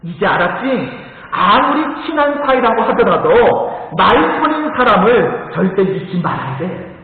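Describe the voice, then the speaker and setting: A stern, insistent father coaxes his son in a parable, played by a preacher. The voice sits high and swings widely. It echoes in a reverberant hall through a narrow, tinny sound. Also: sing-song, a little slow, full character voice. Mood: coaxing. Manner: coaxing, insistent.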